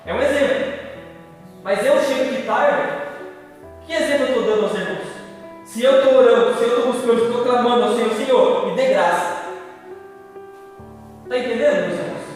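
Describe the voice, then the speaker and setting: A man preaching with a Brazilian accent, speaking in a fervent, sing-song cadence to a congregation. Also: very high voice. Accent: Brazilian Portuguese. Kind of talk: church sermon. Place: large church hall. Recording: echoey hall from far off.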